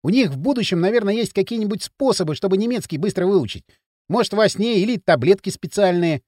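A man voicing a timid, eager teenage schoolboy in an audiobook, nervous and quick to agree. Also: high-pitched, lively intonation, a little mellow, no room sound, clean studio sound, voice pushed up. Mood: dreamy. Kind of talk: audiobook character reading.

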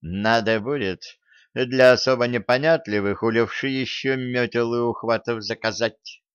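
A man's voice: medium pitch, normal speed, clear, resonant tone, no room sound, dull audio, lightly acted. A man voicing a wary, tart young woman in a storybook.

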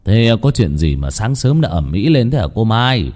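A man's voice: fairly low pitch, sing-song, moderate pace, a little mellow. A man playing a middle-aged village chief who asks anxious, stammering questions. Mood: worried.

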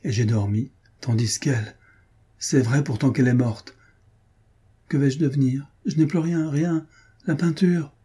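A man's voice: medium pitch, steady tone, a little slow, warm tone, slightly rough, voice pushed up. A man voicing a grief-stricken male painter, obsessive and volatile, with a feverish, exclamatory way of speaking. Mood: despairing.

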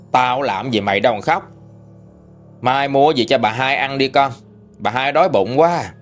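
Lively Southern Vietnamese male storyteller. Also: medium pitch. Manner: lively, colloquial, expressive storytelling. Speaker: ghost story narrator. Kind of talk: storytelling narration.

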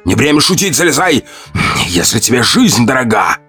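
A man reading aloud, voicing a fierce young woman who tames monsters in a high, solemn, insistent voice. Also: sing-song, moderate pace, pushed and bright, slightly rough, soft background music, full character voice.

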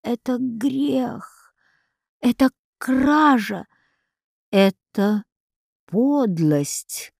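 A woman's voice: fairly high pitch, expressive, takes it slowly, darkish tone, no room sound, studio quality, voice pushed up. A woman voicing an anguished, defiant young boy in an audiobook, speaking in bitter, pleading outbursts.

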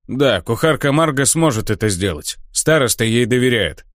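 A man voicing a dim, eager male orc envoy who talks slowly and simply. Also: medium pitch, expressive, no echo, studio quality, close to an everyday voice.

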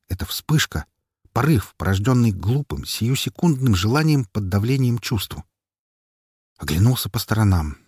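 Husky-voiced man narrating an audiobook. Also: on the low side, darkish tone, no echo, clean studio sound. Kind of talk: first-person audiobook narration.

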